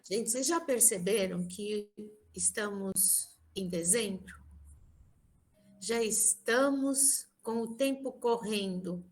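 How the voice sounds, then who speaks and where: A woman with a Brazilian Portuguese accent opening an online spiritual meeting as host, with gentle, welcoming words. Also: fairly high pitch. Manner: gentle, welcoming, addresses listeners affectionately.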